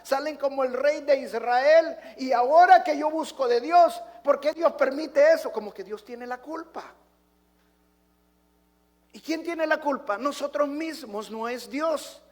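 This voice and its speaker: Man, pastor, very high-pitched, emphatic sermon, rhetorical questions. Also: a bit bright, big-room sound. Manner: acts out quoted dialogue in joke stories.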